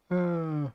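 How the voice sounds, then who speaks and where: The host of a tech channel livestream, a middle-aged man from the UK, reads viewer comments casually, rambling and joking about himself. His voice is clean-toned and on the high side, but the recording is muffled.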